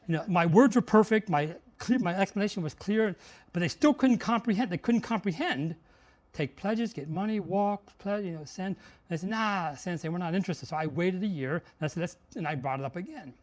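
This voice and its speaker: A middle-aged man giving a motivational talk, telling a story with lots of energy and raising his voice sharply when he acts out shouted lines. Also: high-pitched, brisk. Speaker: host, marketing speaker.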